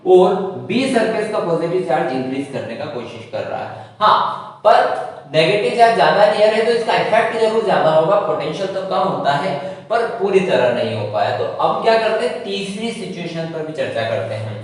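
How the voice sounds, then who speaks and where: A man's voice: high-pitched, big pitch swings, normal speed. A male physics teacher with a sore throat gives a classroom lecture, asking the students questions and answering them himself. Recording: echoey hall, voice from far off.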